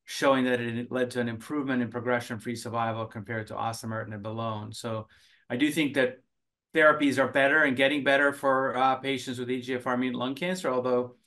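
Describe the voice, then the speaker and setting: A middle-aged man from Finland, a cancer researcher and oncologist, answering interview questions in a measured way over a video call from a home office, with many filler sounds and restarts. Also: mid-range voice, a bit bright.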